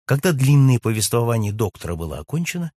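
A man narrating an audiobook in a husky voice with a lively, varied pitch. He reads in an even storytelling manner. The recording is dry and close. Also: quick pace, no echo.

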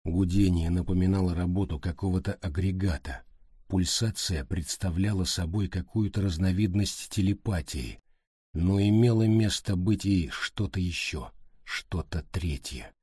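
A man narrating a horror story in an even, unhurried way. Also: low voice, breathy edge, no room sound, clean studio sound. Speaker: audiobook narrator.

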